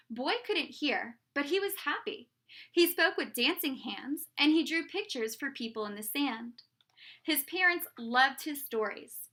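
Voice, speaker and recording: Brief: woman teacher, picture-book read-aloud, high bright voice, questions for kids. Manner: slow, expressive storytelling voice.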